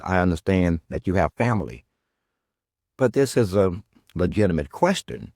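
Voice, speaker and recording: A man's voice: lowish voice, a little mellow, dry recording, studio quality. A male podcast host delivering a confrontational monologue at an absent guest. He is sarcastic and profane, and he keeps circling back to his questions.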